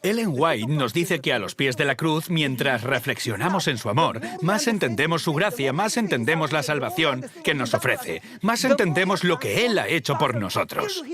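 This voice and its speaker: A male preacher from delivers a sermon. He tells it like a story and voices the people in it himself, his pitch rising and falling in wide, animated swings. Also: moderate pace, hardly any pauses, a crowd in the background. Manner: storytelling, acting out both sides of dialogues.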